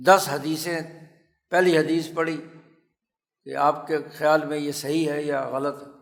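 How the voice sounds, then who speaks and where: Man, Pakistani Urdu accent, religious lecture, measured storytelling, somewhat high voice, long hall reverb. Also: fairly bright tone. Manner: slow, measured storytelling with emphatic repetition. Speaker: religious scholar teaching hadith.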